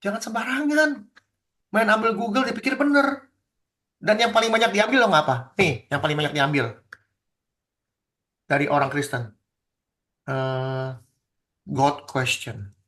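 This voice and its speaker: Pastor guy, high voice, emphatic and indignant, acting out dialogue on a video call. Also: measured pace, pauses often, bright, forceful tone. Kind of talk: animated teaching discussion.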